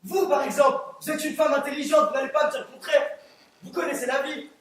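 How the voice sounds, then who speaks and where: A teenage boy in an amateur stage play, acting a crude, hot-headed, bigoted male juror who rants and shouts. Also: very high voice, steady tone, fast talker. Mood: ranting. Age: teens. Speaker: student actor. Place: theatre stage, live performance. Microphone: distant room mic. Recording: echoey theatre from far off.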